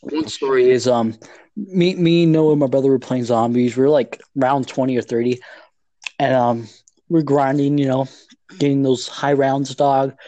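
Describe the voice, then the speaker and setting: A man's voice: mid-range voice, steady tone, normal speed, warm tone, dry recording. A teenage boy telling funny stories in a rambling, laughing way, full of swearing and filler words. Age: teens. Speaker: podcast host telling stories. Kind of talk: casual storytelling.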